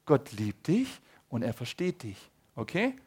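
A man in his thirties preaching a sermon, swinging between loud appeals and soft low asides, often asking the audience questions. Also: huge pitch swings, measured pace, husky. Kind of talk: sermon to a congregation.

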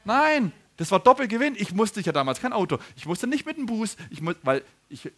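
A man's voice: high voice, very animated, a little fast, a bit bright. A man preaching a sermon, telling stories, laughing and asking the congregation questions.

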